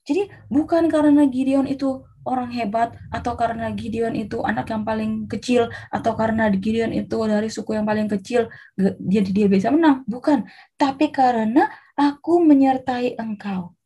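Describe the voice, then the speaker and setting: High-voiced woman telling a kids' Bible story. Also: normal speed, breathy edge. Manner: lively, animated storytelling. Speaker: children's preacher. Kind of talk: storytelling sermon for children.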